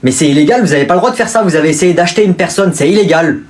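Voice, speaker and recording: A man's voice: fairly high pitch, expressive, racing, close to an everyday voice. A man playing a stern, fussy judge who scolds in a pompous way. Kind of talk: comedy sketch acting.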